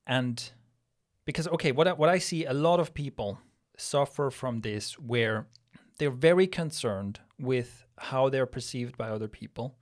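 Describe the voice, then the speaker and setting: Unhurried and mid-range in voice, a man in his thirties from Switzerland co-hosts a casual podcast. He works through ideas aloud, restarting as he goes, speaking into a boom-arm studio mic while wearing headphones in a small plant-walled studio room.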